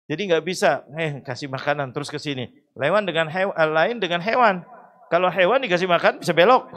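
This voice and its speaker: A man preaching a sermon in a mosque. He asks his own rhetorical questions, chants Arabic verses and prayers, and rises to loud emphatic cries. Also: on the high side. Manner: rhetorical questions answered himself.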